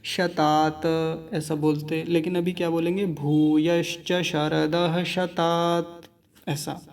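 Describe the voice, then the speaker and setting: A man with a fairly high voice leads a pronunciation lesson in an unhurried way. He breaks each word into syllables and says them slowly, one at a time, then repeats them patiently. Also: flat delivery, vocal fry, darkish tone. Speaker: teacher. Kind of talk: slow, careful pronunciation lesson.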